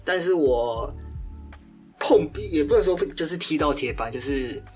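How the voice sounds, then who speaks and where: A man's voice: fairly high pitch, expressive, measured pace, faint music behind. Easygoing man in podcast chat. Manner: easygoing, playful. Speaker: podcast co-host. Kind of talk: casual chat.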